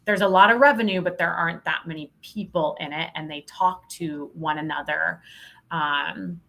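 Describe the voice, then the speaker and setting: A woman with a low-leaning, creaky, pushed and bright voice speaks at a moderate pace as a podcast guest. A sales consultant, she tells work stories in a candid, emphatic, informal, conversational way.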